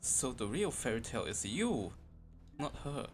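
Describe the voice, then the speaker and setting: A man's voice: medium pitch, very animated, unhurried, a little hiss or hum. A man streaming a game with casual, reactive commentary, often muttering and repeating himself.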